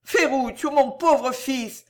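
A woman's voice: high-pitched, takes it slowly, voice pushed up. A woman voicing a frightened old grandmother who is tender and desperate, speaking in a trembling, pleading way. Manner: trembling, pleading, breaking into anguished cries. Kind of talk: audiobook character voice.

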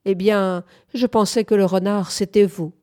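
A woman's voice: medium pitch, steady tone, normal speed, warm tone, close to an everyday voice. A woman reading aloud, voicing a curt, moody young farm woman with a terse, sullen manner. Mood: guarded.

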